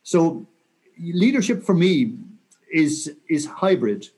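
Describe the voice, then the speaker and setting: A man in his sixties with a west of Ireland accent, talking reflectively and earnestly in an interview with measured, rhetorical phrasing. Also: on the high side, very animated, a little mellow, breathy edge. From County Mayo, Ireland. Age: 60s. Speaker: interview guest, senior military officer.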